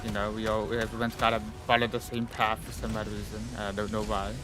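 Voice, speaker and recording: This live streamer's voice sits on the low side with little pitch movement, moving fairly quickly over music. He chats casually while gaming, sounding slightly nasal and rambling on with plenty of "like" and "you know."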